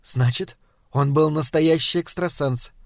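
A man voicing a worried, devoted wife who pleads gently with her husband, in a dry audiobook reading. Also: on the high side, a little slow, gravelly, dry recording. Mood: curious. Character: worried devoted wife, middle-aged woman.

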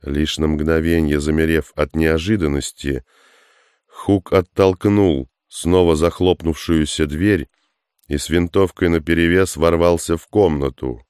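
A man narrating an audiobook in a measured, even reading. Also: extremely low pitch, clean tone, no echo, clean studio sound. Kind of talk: scripted narration.

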